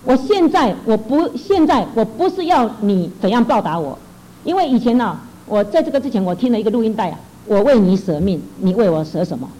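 An earnest middle-aged woman tells her church testimony at a rapid clip. Her voice sits a little high, with a mellow, dark tone, and she restarts her phrases often as the feeling carries her. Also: animated, rough recording. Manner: earnest, emotional storytelling with many restarts. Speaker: church worker giving testimony. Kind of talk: personal testimony.

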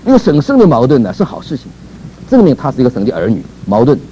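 A man's voice: medium pitch, huge pitch swings, fast, mellow, muffled recording, a little hiss or hum. A man preaching a sermon in a conversational way, asking rhetorical questions, chuckling and repeating words.

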